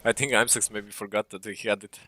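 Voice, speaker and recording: A man's voice: on the low side, little pitch movement, a little fast, bright, forceful tone. A man casting a live esports match, working through the strategy aloud with frequent uhs. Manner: analytical, thinks aloud with many uhs. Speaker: esports caster. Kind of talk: live game commentary.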